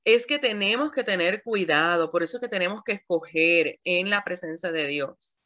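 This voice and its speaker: A woman pastor, preaching about communication, animated, acting out examples and speaking straight to her listeners. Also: lowish voice, normal speed, highs cut off. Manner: animated, acts out examples with shifting tones; addresses the audience directly, laughs often. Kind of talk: sermon on communication.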